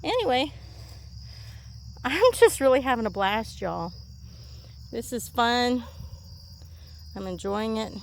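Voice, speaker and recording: A woman's voice: a little high, lively intonation, slow pace, creaky, pauses often, slight background noise. A woman hosting a casual vlog outdoors in a horse pasture, chatting and rambling while she digs, a little out of breath. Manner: chatty, rambling, easily amused. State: slightly out of breath from digging. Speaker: vlog host.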